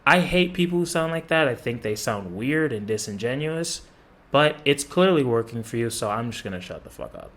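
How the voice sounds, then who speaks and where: A man's voice: mid-range voice, very animated, normal speed, fairly bright tone. A man doing reaction commentary on a basketball video, with sarcastic, profane trash talk.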